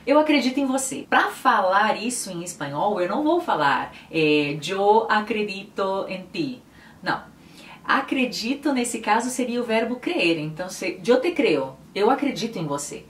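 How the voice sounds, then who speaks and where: A woman's voice: mid-range voice, a bit bright. A Brazilian Portuguese-speaking woman giving a casual online language lesson, explaining words with examples and frequent tag questions. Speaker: YouTube Spanish teacher. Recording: roomy echo, voice from a distance.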